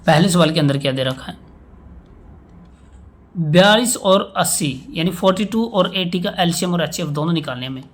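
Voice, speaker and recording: A man's voice: a little high, moderate pace, pauses often. Man teaching maths step by step. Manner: explains step by step, often asks "samajh mein aaya?"; checks in with "theek hai" and recites times tables aloud. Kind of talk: classroom maths lesson.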